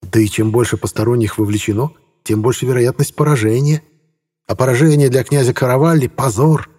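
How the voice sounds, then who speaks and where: A gallant, proud Italian prince, voiced by a male audiobook reader. He speaks with emphatic courtesy in a somewhat raised, husky voice. The timbre is dark and soft. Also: mid-range voice, fairly quick, pitched above the performer's own voice, lightly acted.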